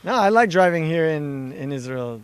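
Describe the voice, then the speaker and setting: A man's voice: on the high side, animated, normal speed. A man from Los Angeles, a soccer player, chatting casually and laughing often in an outdoor interview. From Los Angeles, California. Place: outdoors by a river.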